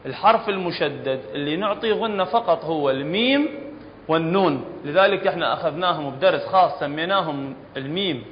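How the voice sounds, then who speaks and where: A high-pitched Iraqi man teaches Quran recitation rules to a class, pausing often to make sure everyone follows. His voice carries a long hall reverb, and the recording is dull and lo-fi with faint noise underneath. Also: animated. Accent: Iraqi Arabic. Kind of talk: classroom tajweed lesson.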